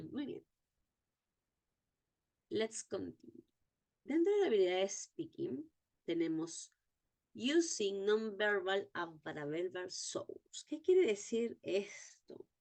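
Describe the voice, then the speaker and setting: A woman teaching an exam-prep lesson, reading English terms slowly and repeating key points. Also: mid-range voice, big pitch swings.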